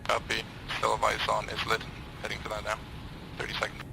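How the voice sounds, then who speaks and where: A man speaking in terse, matter-of-fact military radio chatter as a helicopter pilot in a simulation game, with a gravelly voice. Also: fairly low pitch, monotone, fairly quick. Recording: noisy game radio with vehicle sound.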